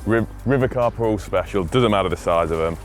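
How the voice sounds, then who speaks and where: Soft background music plays under a brisk male voice on the low side. He's a young man raised in Switzerland, an angler chatting casually and with enthusiasm outdoors and in voice-over, rambling and starting over as he goes.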